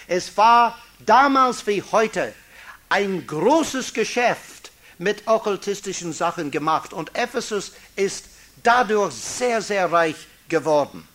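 Slow, high-voiced preacher, man. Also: a bit bright. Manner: slow, emphatic preaching with stressed key words; non-native German with small grammar slips. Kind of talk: sermon reading and explaining scripture.

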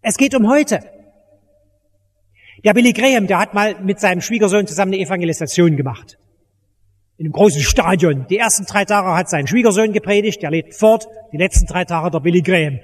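An urgent male preacher drives his sermon home, speaking directly to his hearers. His voice sits high for a man. A long church reverb trails every line. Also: brisk. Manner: urgent, emphatic, addresses the listener directly. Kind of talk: evangelistic sermon.

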